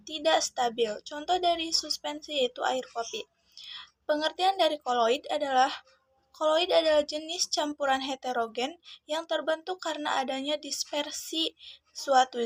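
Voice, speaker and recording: High-voiced teen girl reading notes. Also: a bit bright, no echo. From Indonesia. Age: teenager. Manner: careful list-like reading, phrase by phrase. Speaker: student. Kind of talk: reading a school chemistry report aloud.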